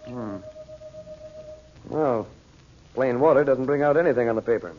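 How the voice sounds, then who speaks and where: A man's voice: medium pitch, moderate pace, faint music behind, natural voice. An actor playing a shrewd, unruffled magician investigator in a radio adventure serial, talking casually and self-assuredly and muttering as he thinks. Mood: pondering, intent. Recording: muffled, noisy old radio serial recording.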